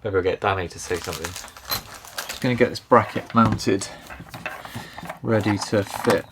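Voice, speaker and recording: A man's voice: lowish voice, unhurried, noisy background. A man casually reviewing a camera on his boat, easygoing and thinking aloud as he goes. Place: on and around a canal boat.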